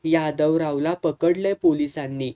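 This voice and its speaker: A reader voicing a calm, blunt older man messenger speaking rural dialect. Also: mid-range voice, a little slow, lightly acted.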